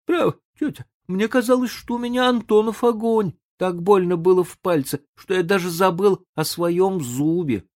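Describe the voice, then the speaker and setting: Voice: medium pitch, moderate pace, few pauses, a little mellow, voice pushed up, lightly acted. A reader voicing a whiny, melodramatic boy. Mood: pleading. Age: child.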